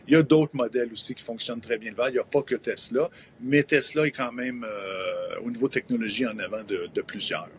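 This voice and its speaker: A man's voice: mid-range voice, slight background noise. Hesitant Québécois man, promoter. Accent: Québécois French. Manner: hesitant, many fillers, explanatory. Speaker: event promoter. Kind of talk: live TV interview. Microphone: remote video link.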